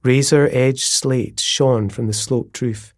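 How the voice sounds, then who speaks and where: A man reading a novel aloud in a measured, descriptive storytelling manner. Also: medium pitch, fairly even intonation, no room sound, clean studio sound. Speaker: audiobook narrator. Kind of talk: scripted narration of a novel.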